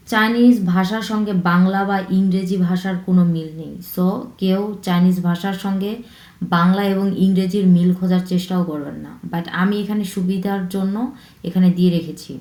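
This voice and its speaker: A woman teaching a language lesson online, slowly modelling each sound three times and mixing English words into her explanations. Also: mid-range voice, darkish tone, reverberant.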